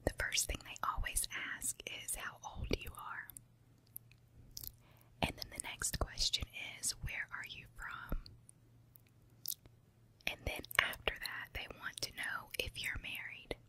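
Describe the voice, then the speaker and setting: Female ASMR creator, fully whispered ear-to-ear delivery, intimate close recording, unhurried confiding ramble. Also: bright, forceful tone. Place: room at home with carpet and window. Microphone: handheld recorder with foam windscreen on tripod, very close.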